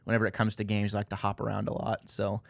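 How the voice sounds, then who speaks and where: A man's voice: lowish voice, completely flat delivery, fast talker, gravelly, no room sound. A man hosting a casual gaming podcast, talking in a rambling, friendly way with lots of fillers. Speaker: podcast host.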